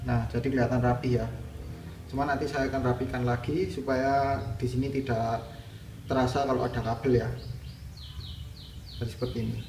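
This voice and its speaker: A vlogger casually walks through a hands-on tutorial, explaining step by step how to install a product. His medium-pitched, slightly mellow voice is flat and brisk, with frequent pauses. The sound is dull and lo-fi, with music behind him.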